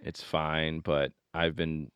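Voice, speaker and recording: A man with a low, smooth, clear voice trades jokes with his co-host in an easy, casual chat. He is playfully blunt, and his voice sounds close and dry into a studio microphone. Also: flat delivery, takes it slowly, a bit bright, no room sound. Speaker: podcast co-host.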